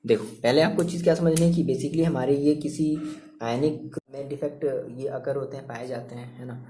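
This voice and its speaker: A man's voice: medium pitch, fairly even intonation, normal speed, mellow, slight background noise. A young man teaching an online chemistry lesson in a chatty way, asking and answering his own questions and repeating points. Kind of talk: online class lecture.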